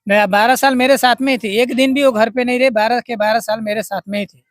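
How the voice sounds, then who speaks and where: A man's voice: very high-pitched, fairly even intonation, quick pace, no room sound, clean studio sound. A man from Bihar answering a reporter's questions about his missing wife, speaking plainly and repeating himself earnestly. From Bihar, India. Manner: plain, repetitive, earnest telling. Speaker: husband of missing woman, interviewee. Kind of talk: street interview.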